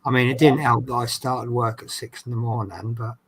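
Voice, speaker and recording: A man's voice: medium pitch, little pitch movement, brisk. A man with a Norfolk accent, chatting casually and teasingly as he hosts a hobby stream. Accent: Norfolk English. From East Anglia, England. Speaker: livestream host doing a hobby build. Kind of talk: casual chat while working at a hobby.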